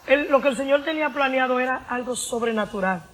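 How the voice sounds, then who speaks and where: A woman's voice: high-pitched, fast talker. A woman, giving an emotional personal testimony, earnest, repeating phrases and acting out the voices in her story.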